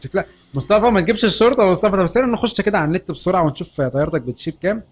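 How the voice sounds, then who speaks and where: A man with an Egyptian Arabic accent giving excited gameplay commentary, laughing and shouting often. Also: sits high, racing, breathy edge. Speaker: gaming channel host.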